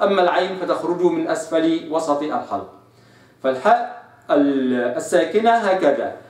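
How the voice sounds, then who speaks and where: A man with an Egyptian accent teaching Quran recitation, explaining and slowly demonstrating letter sounds. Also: sits high. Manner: slow drawn-out sound demonstrations between explanations. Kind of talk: tajweed lesson with demonstrations. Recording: echoey room, voice a bit distant.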